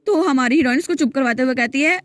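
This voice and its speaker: A woman narrating a comic story recap in a lively, conversational way. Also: high voice, fast talker, no echo, clean studio sound.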